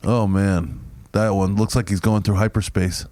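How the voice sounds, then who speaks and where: A man's voice: on the low side, moderate pace. A man co-hosting a podcast who tells stories casually, swearing now and then and acting out both sides of the conversation. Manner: animated storyteller, acts out both sides of a story; swears casually, says bro. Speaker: podcast co-host.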